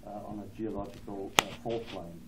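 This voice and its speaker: A man with an Irish accent, a poet giving a reading with spoken introductions, hesitant between phrases and slow in verse. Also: on the low side, steady tone. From Ireland. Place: lecture hall with an audience. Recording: echoey hall, distant mic, background noise.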